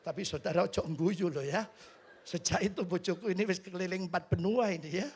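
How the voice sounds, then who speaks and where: A middle-aged man preaching in an East Javanese accent, telling humorous stories in an animated way. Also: high-pitched, brisk, a little hiss or hum. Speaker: pastor. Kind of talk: storytelling sermon.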